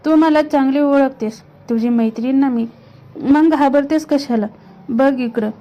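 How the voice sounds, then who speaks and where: The ghost of a murdered young woman begs for justice in a mournful, pleading tone, as a woman narrator puts her on. The voice sits fairly high and sounds mellow and soft. It is heard through a dull, lo-fi recording. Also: measured pace.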